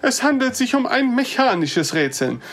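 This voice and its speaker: Narrator voicing a formal older gentleman, pitched up, earnest, halting. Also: big pitch swings. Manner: formal, hesitant, old-fashioned.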